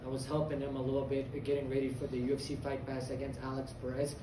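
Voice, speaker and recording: A young man from Afghanistan, an MMA fighter giving a confident, earnest post-fight interview with many pauses and fillers. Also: medium pitch, completely flat delivery, background noise. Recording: echoey venue, distant mic, loud crowd ambience.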